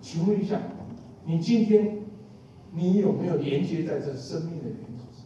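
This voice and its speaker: Brief: male preacher, high and mellow voice, folksy and questioning, heard from a distant mic. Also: moderate pace, highs cut off, a little hiss or hum. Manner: folksy, asks the listeners questions, repeats phrases. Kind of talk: sermon. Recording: echoey room from a distant mic.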